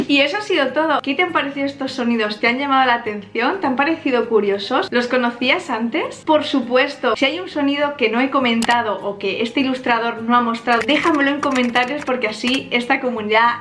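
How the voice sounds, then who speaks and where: A woman's voice: fairly high pitch, a bit bright. A woman with a Spain Spanish accent, a language YouTuber, playfully imitating sounds as she explains them in an upbeat educational vlog. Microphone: camera mic, filmed at close range.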